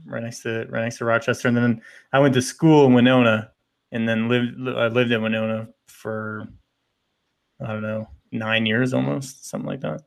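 A man from Wisconsin, hosting a casual podcast chat in a relaxed, rambling way. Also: mid-range voice, moderate pace, vocal fry. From Bloomer, Wisconsin. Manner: relaxed, rambling, hesitant restarts. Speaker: podcast host.

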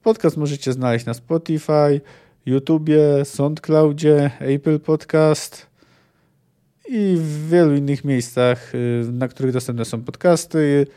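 Guy hosting a book review podcast, warm mellow voice, thoughtful, lots of hesitant ums. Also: fairly high pitch, fairly even intonation, slow pace. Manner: thoughtful, with frequent hesitation fillers. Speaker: podcast host reviewing fantasy books. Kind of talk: casual book review monologue.

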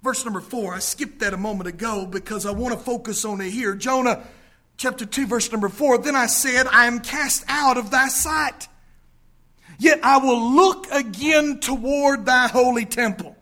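Preacher guy, really high voice, gets loud then goes all whispery. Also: normal speed. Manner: dramatic preaching, rising to shouts and dropping to whispers. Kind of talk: sermon. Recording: podcast sermon recording.

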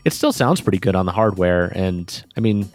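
A man's voice: deep voice, expressive, fairly quick, a little mellow, soft background music. Chatty man co-hosting a podcast. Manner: chatty, laughs often, trails off into asides. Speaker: podcast co-host. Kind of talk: casual chat about game music.

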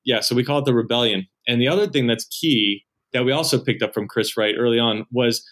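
A man's voice: medium pitch, brisk, fairly bright tone. Earnest man explaining in a podcast. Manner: earnest, explaining step by step, with some restarts. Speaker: church leader and podcast guest. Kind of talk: explanatory conversation.

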